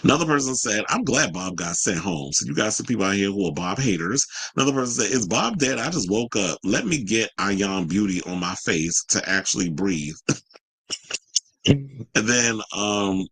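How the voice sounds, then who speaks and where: Man, low husky voice, casual reaction commentary, colloquial phrasing, animated retelling with quoted lines. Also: normal speed, dry recording, low-quality recording. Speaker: commentator recapping a reality show and reading viewer reactions.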